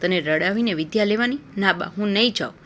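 A woman's voice: medium pitch, fast talker, fairly bright tone, a little hiss or hum, close to an everyday voice. A woman voicing a young boy, a loving son who pleads earnestly with his mother in a storybook tale. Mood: pleading.

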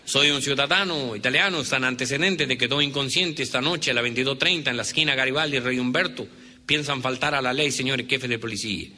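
A man's voice: mid-range voice, quick pace, pushed and bright. A man with an Argentine accent voicing an Italian man who makes an anonymous, formal and pleading call to the police. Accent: Argentine Spanish. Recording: reverberant hall with faint noise.

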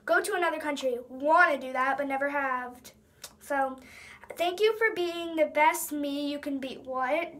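A young girl of about ten with a high voice talks casually in a small room at home. She is dramatic and self-mocking, switching between reading aloud and chatty asides into a device at arm's length. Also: unhurried, a bit bright. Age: child, ten years old. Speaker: young vlogger. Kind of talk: casual chat, reading aloud from old diary.

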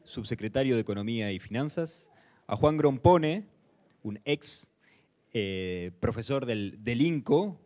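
A man welcomes the audience back and introduces the panelists one by one. He speaks formally at a medium pitch, in a university auditorium. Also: a little mellow. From Uruguay. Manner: formal, listing names and titles. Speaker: event host.

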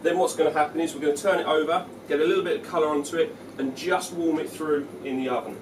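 A head chef with a fairly high voice talks fast through a cooking demonstration, relaxed and explanatory, with plenty of "um" and "okay." A camera mic a few feet away catches him in a big, echoey restaurant kitchen, where sizzling pans and clattering bustle sound loudly behind him.

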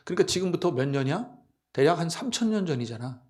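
A man's voice: on the high side, fast. A male pastor giving an early-morning sermon in a conversational style, often checking in with the congregation and acting out the boasts of the people he describes. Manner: conversational preaching, quizzing the congregation with repeated "예?"; acts out the boasting of the wicked in lively voices.

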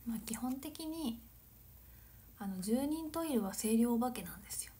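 Giggly, chatty young Japanese woman, fairly high voice. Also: expressive, moderate pace. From Nagano, Japan. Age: 20s. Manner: chatty, giggly, trailing off into soft asides. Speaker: livestream host. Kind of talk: casual chat reading viewer comments.

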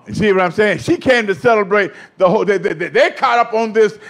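A man preaching a sermon in call-and-response style, building from steady talk up to shouting. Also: high voice, brisk, creaky.

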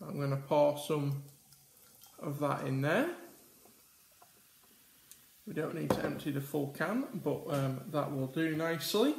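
A man's voice: fairly high pitch, a little slow, vocal fry, pauses often, echoey room, a little hiss or hum. A man hosting a casual mukbang vlog, chatting and rambling with many ums as he eats at a table. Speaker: YouTube host. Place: indoor room at a table. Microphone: camera mic with face cam and top camera.

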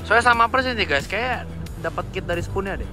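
Outdoors at a car meetup with loud music behind him, a Jakarta-accented Indonesian car vlogger delivers casual, enthusiastic commentary blending slang and English car terms. His voice is high, fairly quick and lively in intonation.

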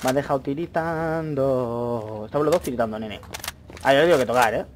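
A young man commentating his own gameplay, chatty, with excited outbursts and muttered asides. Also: mid-range voice, fairly quick. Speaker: gaming YouTuber. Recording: faint noise, mouse and keyboard clicks.

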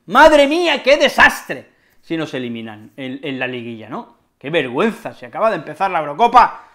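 A man with a high voice and a Spain Spanish accent runs a playful language lesson by acting as a football fan. He bursts into loud cheers, then drops to anxious mutters. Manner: excitable, swings between cheering shouts and nervous mutters. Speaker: Spanish teacher.

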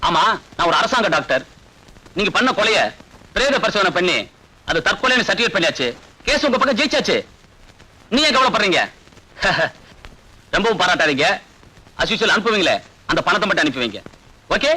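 A man's voice: high voice, sing-song, normal speed, long pauses, breathy edge, heavily acted, rough recording. An actor playing a corrupt older doctor and father, speaking with a Tamil accent, smug at first and then pleading desperately. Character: crooked middle-aged male doctor, pleading father. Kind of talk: Tamil film dialogue. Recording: film soundtrack with loud score.

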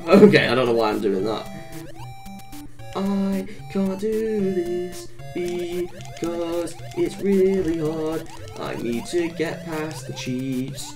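A woman's voice: lowish voice, takes it slowly. A woman giving casual, rambling gameplay commentary, easily frustrated and crying out at every setback. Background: game music.

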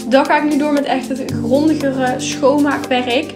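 A young woman talks through her cleaning routine in a friendly, casual voice-over, with an easy "ehm" here and there. Her voice sits a little high. Light music plays quietly beneath her. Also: level tone, normal speed. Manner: chatty and upbeat, with filler words. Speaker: vlogger.

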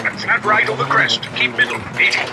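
Loud engine noise, male rally co-driver, high-pitched, rapid pace notes, terse clipped calls, racing game. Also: very animated. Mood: brisk, focused. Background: rally car engine and driving noise.

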